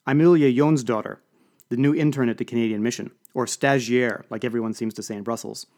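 A man's voice: medium pitch, fairly even intonation, fairly quick, darkish tone, natural voice. A man voicing a bubbly, enthusiastic young female intern who is athletic and breezy.

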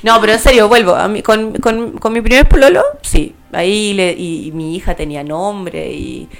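A woman's voice: mid-range voice, normal speed, vocal fry. A woman in casual chat, wry and joking with philosophical asides.

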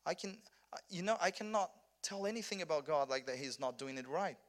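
A pastor from southern Brazil, whose first language is Portuguese, delivers an earnest conference sermon in English. His voice sits on the high side with a steady tone, moving a little fast, and he often restarts and repeats words.

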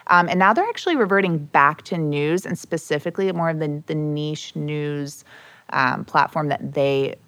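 A woman's voice: sits low, lively intonation, normal speed, fairly bright tone, no room sound. A woman in her thirties, a podcast guest, talking casually and upbeat, laughing often as she explains trends with examples. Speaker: podcast guest, strategy executive.

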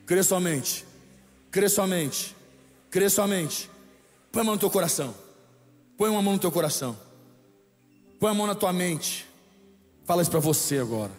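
A man's voice: high voice, lively intonation, normal speed, pauses often. A man with a Brazilian Portuguese accent preaching a sermon as a bishop, emphatic and repeating lines for the congregation to echo. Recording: echoey hall with faint music.

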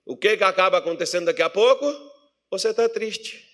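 A man with a Brazilian accent preaching a sermon in church as pastor, animated and humorous, acting out the voices of worried believers. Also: sits high, brisk. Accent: Brazilian Portuguese.

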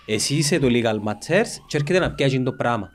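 A man's voice: medium pitch, lively intonation. A man with a Cypriot Greek accent, chatting casually as a podcast co-host. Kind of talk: casual chat.

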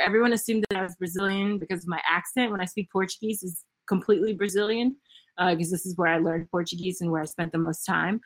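Over a remote call with poor audio, a young woman from Memphis, Tennessee, in the United States hosts a podcast in a medium-pitched voice. She's chatty and casual, saying "like" and "um" a lot and laughing often.

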